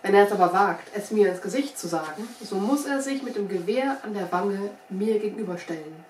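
A woman's voice: medium pitch, expressive, a little fast, darkish tone, close to an everyday voice. A woman voicing a sly little old male frontier scout with a folksy, wry, self-assured manner, recorded from a distance in a roomy space with faint hiss. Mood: firm.

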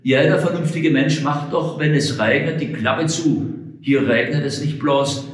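A man's voice: fairly high pitch, a little slow, pitched above the performer's own voice, close to an everyday voice. A man voicing a pompous, touchy middle-aged frontiersman who speaks with a Saxon German accent and talks in indignant, long-winded bursts. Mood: scolding. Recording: roomy echo.

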